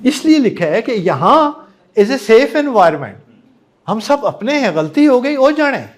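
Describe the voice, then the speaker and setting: A man's voice: very high voice, big pitch swings, takes it slowly. A male trainer with a Pakistani accent giving encouraging classroom feedback, mixing Hindi-Urdu with English.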